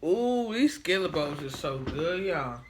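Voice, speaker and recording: A man's voice: a little high, lively intonation, measured pace, slight background noise. A man chatting casually to viewers in a slangy, laid-back way while eating, chewing as he talks. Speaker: mukbang vlogger.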